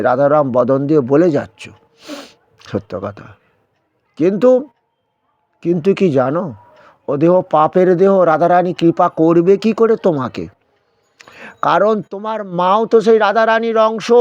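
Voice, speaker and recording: Guy preaching a sermon, keeps asking the crowd if they get it, kinda high voice, dry muffled sound. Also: no echo. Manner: admonishing, rhetorical questions to listeners. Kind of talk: devotional sermon with chanting.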